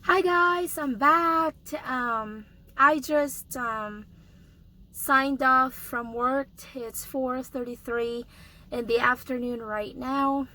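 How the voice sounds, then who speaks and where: A young adult woman with a hoarse voice from a cold, coughing now and then, giving a casual vlog update in a halting way with many pauses and restarts. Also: sits high, sharp tone, rough recording. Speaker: vlogger.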